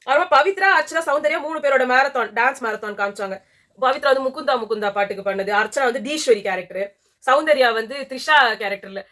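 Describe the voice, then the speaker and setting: High, quick woman reviewer, scornful and lively, casual chat. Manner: animated, mocking, talks over her co-host. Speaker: reality show reviewer.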